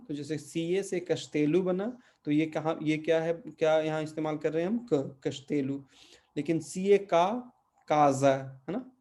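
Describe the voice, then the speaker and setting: A man's voice: fairly high pitch, warm tone. A middle-aged man teaching a language class, patiently explaining pronunciation and often checking with the students. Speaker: Portuguese teacher. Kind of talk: online language lesson in Hindi.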